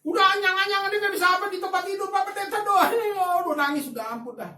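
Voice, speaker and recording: A man preaching a sermon as a pastor, telling a story with lively swings between soft asides and loud emphatic bursts. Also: very high-pitched, fast talker. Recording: echoey room, voice from a distance, faint ambience.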